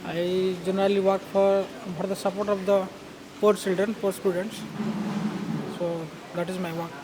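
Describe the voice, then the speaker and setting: Indian man, award winner, halting speech with fillers, flat tone, crowd behind. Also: high voice. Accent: Indian English. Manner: hesitant, many fillers. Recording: noisy crowded event.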